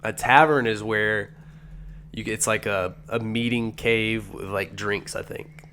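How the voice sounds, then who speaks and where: A man with a fairly low voice co-hosts a podcast, with faint noise behind him. He banters casually and comically. His talk is boastful and full of swearing. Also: fairly even intonation, a little slow, sharp tone. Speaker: podcast co-host.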